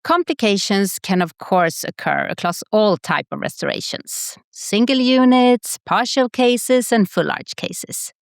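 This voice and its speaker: A woman co-hosting a professional podcast, introducing the episode in a measured, prepared way. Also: medium pitch, expressive, creaky, clear, resonant tone, no echo, studio quality. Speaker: podcast co-host, prosthodontist.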